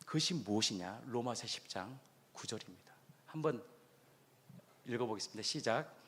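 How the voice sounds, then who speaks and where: A man's voice: medium pitch, expressive, moderate pace, a little hiss or hum. Preaching man with big echoing swings. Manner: preaching with dramatic swings between shouting and hushed speech. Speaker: pastor. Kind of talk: sermon. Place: church hall at an outdoor youth rally.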